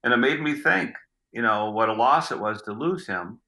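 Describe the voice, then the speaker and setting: A street magician in middle age answers interview questions loosely and gruffly, echoing his own words as he thinks. He speaks at normal speed in a mid-range voice that's pushed and bright, with a roomy sound.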